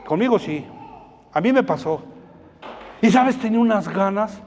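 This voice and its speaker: A high-pitched man preaches in a church, switching between voices as he acts out his own stories. Long reverb from the hall trails each phrase. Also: normal speed, slight background noise. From Mexico. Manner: animated storytelling, acting out dialogues. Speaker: pastor. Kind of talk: sermon.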